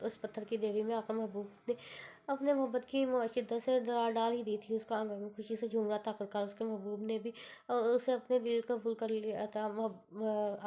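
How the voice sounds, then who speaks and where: Give me a woman narrating a romance novel, halting, with a flat voice on a dull, lo-fi recording. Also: fairly high pitch. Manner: halting, stumbles over words. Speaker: audiobook narrator.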